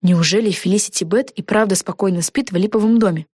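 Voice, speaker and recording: A woman narrating a children's storybook in an even, clear manner. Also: mid-range voice, fast, no echo, clean studio sound.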